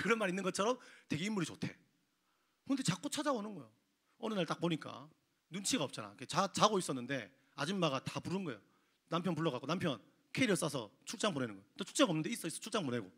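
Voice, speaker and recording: A male pastor preaching a lively sermon, telling the story with animated quoted voices and frequent questions to the congregation. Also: fairly high pitch, fast, husky. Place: church sanctuary.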